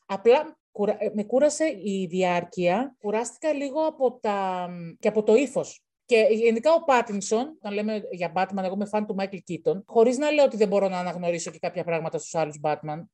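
A woman's voice: medium pitch, animated, hardly any pauses, warm tone. A woman chatting casually about a film, rambling with frequent restarts. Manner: rambling, restarts often, calls things chaos. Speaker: co-host. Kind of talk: casual film review chat.

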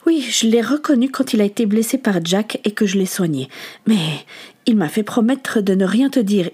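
A woman reading aloud, voicing a gentle aunt who speaks softly and coaxingly. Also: mid-range voice, expressive, moderate pace, slightly rough. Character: gentle caring aunt, middle-aged woman.

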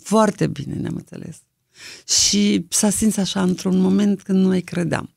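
Older woman, low deep voice, gravelly edge, dry close sound, lively storyteller. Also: no room sound. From Romania. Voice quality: low, deep singing-trained voice. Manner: lively, expressive anecdotal storytelling. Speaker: interviewee, singer. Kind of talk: storytelling in an interview.

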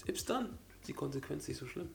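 A podcast co-host talks in a casual motivational chat, his voice on the high side, gravelly, fairly quick and lively in intonation. He's emphatic, repeats his key phrases and often murmurs agreement.

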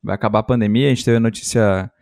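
A man's voice: lowish voice, steady tone, quick pace, gravelly, darkish tone, no room sound, studio quality. A man with a Brazilian Portuguese accent hosting a podcast, chatting casually and informally with slang. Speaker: podcast host. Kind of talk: casual interview chat.

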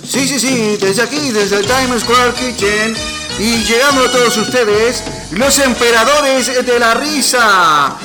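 A man's voice: very high-pitched, slow pace, music in the background. A man announcing comedy acts with grand introductions. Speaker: show announcer.

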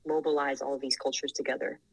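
A woman's voice: a bass voice, little pitch movement, fast, dry recording, low-quality recording. A woman in her thirties from Thailand, a podcast guest talking earnestly and laughing easily. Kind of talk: casual interview.

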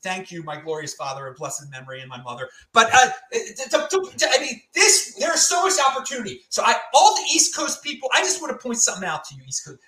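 A loud, excitable man hosts a livestream, his voice bright and cutting. His pitch swings widely as he rants. The room around him rings with echo. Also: fairly quick, few pauses, a little hiss or hum. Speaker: show host. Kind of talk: loud animated livestream talk.

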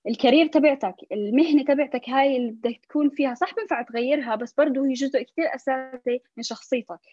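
Talking as a podcast guest, this young Levantine Arabic speaker mixes English loanwords into her conversation and frequently starts phrases over. Her voice sits high and is a little mellow, and the audio is dull but echo-free.

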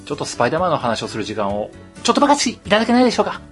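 A man's voice: on the high side, huge pitch swings, racing, faint music behind. A man from rural Tohoku co-hosting a podcast in casual chat, playful and self-deprecating. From rural Tohoku, Japan. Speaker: podcast co-host.

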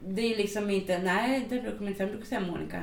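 A woman's voice: medium pitch, vocal fry, recorded from a distance, crowd noise. A middle-aged woman co-hosting a podcast, chatting casually and rambling with lots of fillers. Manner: rambling, full of fillers like "liksom". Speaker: podcast co-host. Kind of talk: casual chat. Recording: roomy echo, away from the mic.

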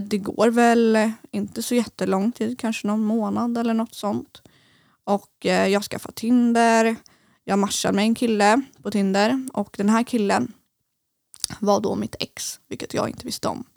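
Young woman podcast guest, gravelly voice, dry close sound, halting and full of fillers. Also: mid-range voice, no room sound. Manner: hesitant, many fillers, speeds up and slows down. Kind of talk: personal story in casual conversation.

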